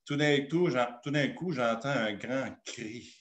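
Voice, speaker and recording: A man's voice: mid-range voice, a little slow, roomy sound. A man with a Québécois French accent, a pastor telling a personal story in a sermon and acting out the dialogue. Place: church.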